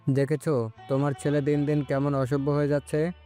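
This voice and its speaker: A woman voicing a stern, angry older man who heads the family, speaking in a gruff, scolding way. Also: low-pitched, steady tone, moderate pace, warm tone, faint music behind, voice pushed down, lightly acted.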